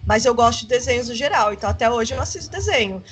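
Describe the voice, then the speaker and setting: Woman, casual chat, enthusiastic, higher-pitched, soft music behind. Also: animated, fast talker.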